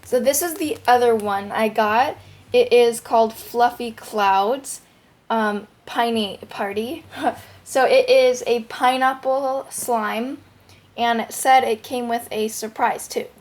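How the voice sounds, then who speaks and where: A young woman giving a casual, excited product review as a show host, recorded at home through a headphone microphone. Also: a little high, takes it slowly. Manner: excited, gushing. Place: bedroom at home. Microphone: headphones used as microphone. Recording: headphone mic with clear background noise.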